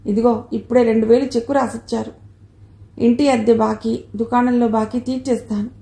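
Apologetic husband speaking softly, read by a woman, gravelly tone, roomy echo. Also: a little high, flat delivery, a little fast. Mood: consoling. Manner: soft, consoling. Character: apologetic poor husband on crutches.

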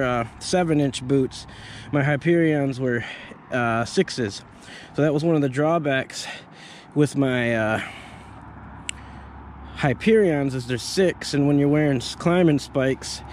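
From up a tree outdoors, an arborist in his thirties gives a loose, rambling gear review full of fillers and restarts, recorded on a head-mounted action camera. His voice is on the high side with a darkish tone, and there's slight background noise.

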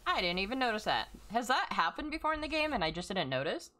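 An American woman giving casual, expressive gameplay commentary, jokey and prone to swearing. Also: medium pitch, fast, slight background noise. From United States. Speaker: streamer playing a horror game.

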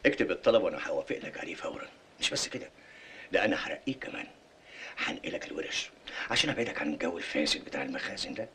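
A man's voice: low voice, very animated, rapid-fire, bright, forceful tone, a little hiss or hum, heavily acted. An actor playing a self-assured male factory owner with an Egyptian accent, speaking in a patronising way. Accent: Egyptian Arabic. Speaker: company boss.

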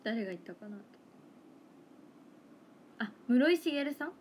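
A young woman chats on a livestream in a slightly high voice. She thinks aloud, wanders from point to point, and laughs easily, with a faint hiss of noise behind her. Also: lively intonation, darkish tone. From Toyama, Japan. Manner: chatty, musing aloud, quick to laugh. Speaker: idol livestreamer. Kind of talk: casual livestream chat.

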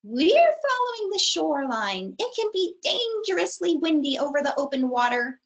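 A woman voicing a female dragonfly in a high, lilting, distant manner in a storybook reading. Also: big pitch swings, normal speed. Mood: aloof.

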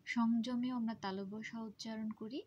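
A woman teacher giving a pronunciation lesson, speaking slowly and carefully and spelling out sounds and syllables. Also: fairly high pitch, fairly even intonation, highs cut off, slight background noise.

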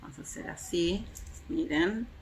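Chatty woman reviewing makeup, gravelly voice. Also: fairly low pitch, measured pace. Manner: chatty, hesitant fillers, shows swatches to viewers. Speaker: beauty vlogger. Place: home terrace, outdoors in daylight.

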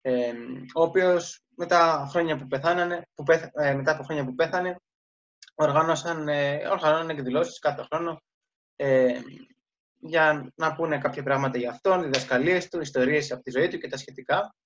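A man's voice: a little high, fairly bright tone. A man telling a religious story in a casual daily talk, with many fillers and restarts. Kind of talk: casual spoken storytelling lesson. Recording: dull lo-fi sound.

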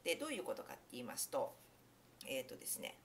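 A woman's voice: a bass voice, wildly swooping pitch, fast, slight background noise. A young woman teaching English pronunciation in a casual spoken lesson, explaining in a friendly way with many fillers and self-corrections.

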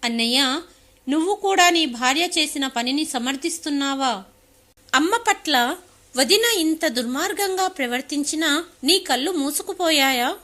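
A bright, high-voiced young wife, as a woman narrator puts her on, indignant and pressing in an audiobook story. She confronts her family with sharp, raised questions. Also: animated, moderate pace. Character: angry young married woman, daughter defending her mother.

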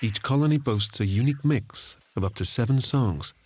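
A man reading scripted nature documentary narration in a measured storytelling manner. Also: medium pitch, background noise. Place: studio voice-over. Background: background music.

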